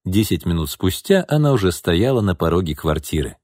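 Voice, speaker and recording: A man narrating an audiobook in an expressive storytelling manner. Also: low-pitched, fairly quick, no echo, clean studio sound. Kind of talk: scripted narration.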